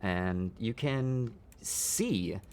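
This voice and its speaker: A low-pitched man runs a tabletop session as dungeon master, narrating in a relaxed, halting way full of ums and uhs. A faint hiss sits under his voice. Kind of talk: narrating a live tabletop game.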